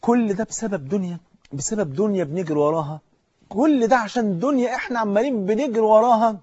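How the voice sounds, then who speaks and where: Fervent high-voiced Egyptian preacher. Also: male voice, fast talker, a little mellow, lo-fi sound. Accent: Egyptian Arabic. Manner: fervent exhortation addressing the listener directly. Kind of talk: sermon.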